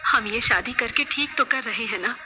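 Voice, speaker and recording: A woman's voice: fairly high pitch, moderate pace, music in the background, natural voice. A woman voicing an anxious, superstitious middle-aged village mother who frets and pleads. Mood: pleading. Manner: fretful and pleading.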